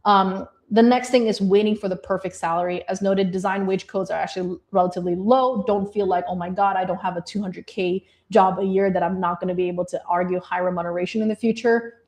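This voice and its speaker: A woman's voice: mid-range voice, darkish tone. Friendly woman from Indonesia giving advice. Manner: friendly, encouraging, addresses audience as guys. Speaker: immigration advisor presenting to designers. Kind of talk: presentation talk.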